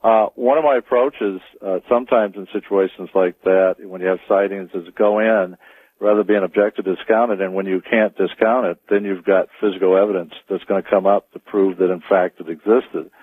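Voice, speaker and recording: Male radio interview guest, lowish and deliberate, halting phrasing, dry thin telephone sound. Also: fairly even intonation, breathy edge, dry recording. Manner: halting, deliberate, circles back on words. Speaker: interview guest, Bigfoot tracker. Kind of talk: live radio interview answers. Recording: dry, narrow phone-line sound.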